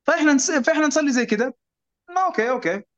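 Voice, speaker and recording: A man tells a story casually, acting out voices and mixing in English words. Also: racing. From Saudi Arabia. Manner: animated, acts out quoted voices with sharp pitch jumps; mixes English words into Arabic. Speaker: guest telling his story. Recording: dull lo-fi sound.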